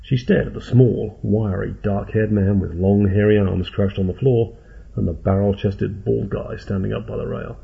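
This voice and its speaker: Guy reading a story, deep gravelly voice, really husky, sounds like over a phone. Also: steady tone, normal speed. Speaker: narrator. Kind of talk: audiobook narration. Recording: tinny phone-like audio.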